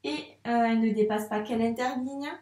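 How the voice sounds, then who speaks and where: A woman's voice: a little high, steady tone, fast talker, darkish tone, echoey room. Patient woman teaching young children. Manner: patient, questions and answers her own prompts. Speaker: primary school teacher. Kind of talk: handwriting lesson for young children.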